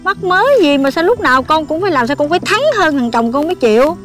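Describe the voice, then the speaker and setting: Scolding middle-aged mother, high-pitched and fussy. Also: fast talker, fairly bright tone, faint music behind. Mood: lecturing. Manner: scolding, lecturing, flustered.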